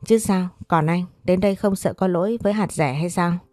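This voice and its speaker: A woman voicing a calm, defiant young woman who answers with curt retorts. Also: lowish voice, fairly quick, no room sound, faint music behind, close to an everyday voice. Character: cool-headed young woman, sharp-tongued and defiant.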